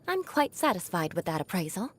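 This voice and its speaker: A young woman with a lowish voice, brisk delivery and wide pitch swings performs video game lines as a proud, haughty noblewoman knight, an outcast bent on revenge. Her diction is formal and dramatic, and her mood proud and defiant.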